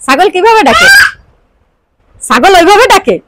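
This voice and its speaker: Brief: female family vlogger, high bouncy voice, coaxing baby talk to a toddler. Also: very animated, moderate pace, shouting, heavy background noise. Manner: playful, prompting animal sounds. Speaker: family vlogger filming a little girl. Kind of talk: casual vlog chat, talking to a toddler.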